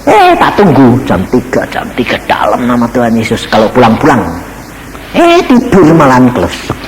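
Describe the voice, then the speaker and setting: A middle-aged male pastor giving a testimony sermon, telling his story in a lively way and acting out the voices of the people in it. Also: medium pitch, moderate pace, slight background noise, low-quality recording. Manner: animated storytelling, acts out quoted voices, addresses audience as "saudara".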